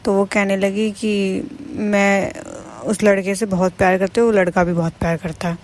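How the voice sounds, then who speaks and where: A woman's voice: medium pitch, flat delivery, normal speed, darkish tone, lightly acted. A woman voicing a brash defiant daughter-in-law. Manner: defiant, lecturing. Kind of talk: animated cartoon voice acting.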